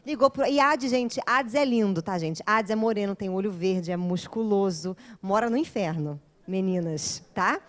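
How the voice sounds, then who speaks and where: A woman's voice: mid-range voice, moderate pace, hardly any pauses. A woman lecturing a course, retelling a myth in a playful, jokey way and chatting with her audience. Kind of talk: humorous storytelling lecture.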